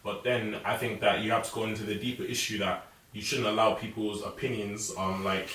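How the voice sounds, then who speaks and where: An earnest young man explains his view at length on a teen panel. His voice sits a little low, and it comes from a distant mic in a roomy space. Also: fairly even intonation, a little fast, a bit bright. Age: young adult. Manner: earnest, reasoning aloud. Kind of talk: casual panel discussion.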